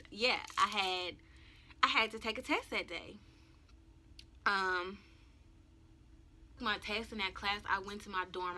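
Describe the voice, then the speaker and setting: A woman's voice: medium pitch, bright, forceful tone. A woman in her twenties frankly telling a personal story in a video journal, candid and emotional. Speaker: vlogger.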